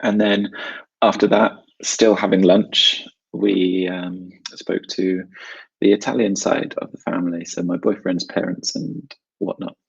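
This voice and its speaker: A man's voice: low-pitched, flat delivery, unhurried, vocal fry, breathy edge, dull audio. A man from South London with a South London English accent, teaching an informal online lesson in short, simple, chatty phrases with some repetition. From South London, England. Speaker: English teacher and webinar host.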